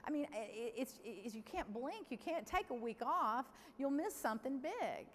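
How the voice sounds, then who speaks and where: A middle-aged woman giving a lively, candid conference keynote and talking straight to the audience. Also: high voice, moderate pace. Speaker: keynote speaker. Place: large conference hall. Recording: long hall reverb, faint room noise.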